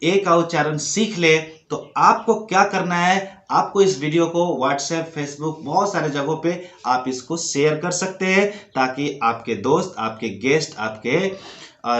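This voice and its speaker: Guy teaching english sounds off slides, high voice, repeats words slow, roomy echo. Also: a bit bright. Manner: slow, drawn-out repetition of example words. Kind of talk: slide-based lesson.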